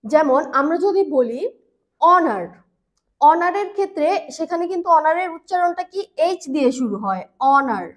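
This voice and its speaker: A woman teaching English grammar in a patient, repetitive way, slowing down on key words and using fillers. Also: high voice, lively intonation. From Bangladesh. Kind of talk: grammar lesson explanation.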